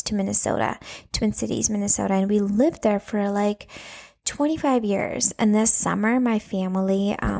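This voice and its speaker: This mid-range, creaky, warm voice belongs to a woman in her thirties from Latvia, a native Russian speaker who coaches mothers on anger. On her casual solo podcast she talks earnestly and chattily, offering encouragement.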